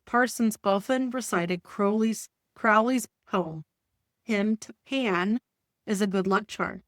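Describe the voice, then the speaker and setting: A woman's voice: medium pitch, no echo, studio quality. A woman hosting a solo storytelling podcast, chatty and prone to correcting herself as she reads passages aloud. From Kansas, US. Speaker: podcast host.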